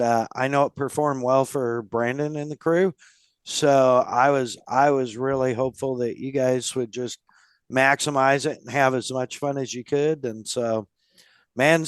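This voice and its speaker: Smooth, dry-sounding male podcast host. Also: mid-range voice, dry recording. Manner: friendly, laughs often, loose filler-heavy talk. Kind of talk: casual podcast chat.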